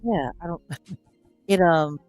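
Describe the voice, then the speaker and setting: A woman's voice: on the low side, takes it slowly, darkish tone, soft background music. A woman on a video call whose voice sounds muffled, as if through a wall, because her computer is picking up the wrong mic; she is fumbling with her audio setup and apologizing. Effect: muffled sound, as if heard through a wall, from the wrong mic being picked up. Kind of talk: casual online chat.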